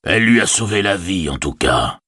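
A big, brutish male orc soldier menaces in a low, husky growl. A man reads him in an audiobook. The sound is dry and close. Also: sing-song, moderate pace, bright, forceful tone, no room sound, heavily acted. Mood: bullying.

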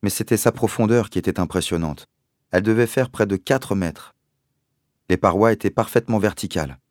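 A man reading a novel aloud in the first person, measured and expressive. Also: on the low side, no echo, studio quality. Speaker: audiobook narrator. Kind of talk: scripted narration of a novel.

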